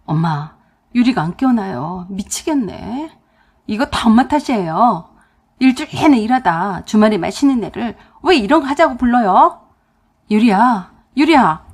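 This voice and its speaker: Brief: woman playing a panicky young husband in a storybook radio drama, husky and pleading. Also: mid-range voice, expressive, slow. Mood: distraught. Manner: loud, pleading, near tears. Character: doting young husband, man, fussy.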